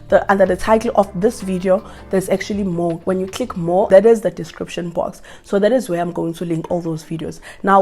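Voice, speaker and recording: Hoarse from flu, a young South African woman with a South African accent talks casually to camera, giving job-application advice. She speaks earnestly, repeating and restarting phrases, in a medium-pitched, dark-toned voice.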